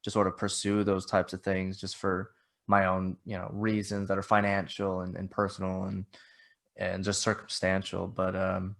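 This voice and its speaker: A man's voice: low-pitched, completely flat delivery, normal speed, vocal fry. A man hosting a podcast, talking modestly and hesitantly with many restarts. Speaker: podcast host. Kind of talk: casual interview chat.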